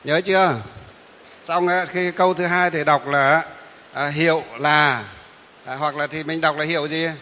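A Buddhist monk talks a kneeling congregation through the ceremony, repeating himself patiently and pausing on little fillers. His voice sits a touch high for a man, with a faint hiss of noise behind it. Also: steady tone, bright, forceful tone, long reverb tail. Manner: patient, repetitive, many hesitant fillers.

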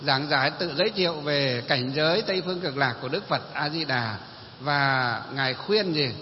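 A man's voice: fairly high pitch, slight background noise. Man preaching with rhetorical questions, echoing hall. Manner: poses rhetorical questions and answers them himself. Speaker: Buddhist preacher. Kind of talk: sermon. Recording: long hall reverb, dull lo-fi sound.

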